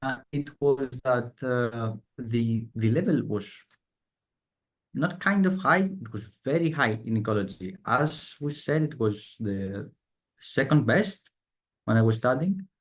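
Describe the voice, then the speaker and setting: A man's voice: medium pitch, lively intonation, a little slow. A young man from the Balkans with a Balkan accent, a student ambassador, giving a hesitant testimony over a video call. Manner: hesitant, many fillers, laughs at himself.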